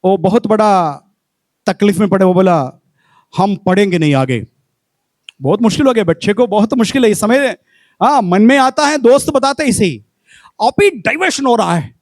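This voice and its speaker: High-voiced pastor preaching. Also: male voice, normal speed, pauses often, no room sound. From Kerala, India. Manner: animated storytelling that rises to fervent exhortation. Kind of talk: sermon.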